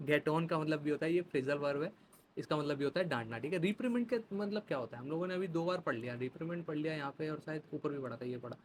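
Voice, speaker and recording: A man's voice: a little high, quick pace. Man, a chatty exam-prep tutor with a slightly raised voice and faint background hiss. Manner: chatty, explains in Hindi with English terms and playful classroom examples. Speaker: English vocabulary teacher. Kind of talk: exam-prep vocabulary lesson.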